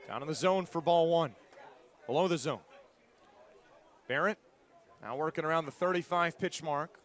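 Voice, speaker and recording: This announcer, a man with a fairly high, fairly bright voice at normal speed, delivers clipped, punchy play-by-play while a live stadium crowd roars behind him outdoors at the ballpark.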